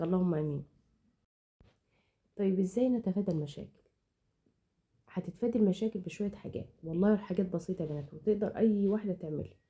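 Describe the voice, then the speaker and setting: A woman's voice: lowish voice, warm tone. A woman with an Egyptian accent giving earnest, heartfelt advice to viewers in a home vlog, often restarting and swearing oaths as she talks. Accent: Egyptian Arabic. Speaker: home cooking channel host.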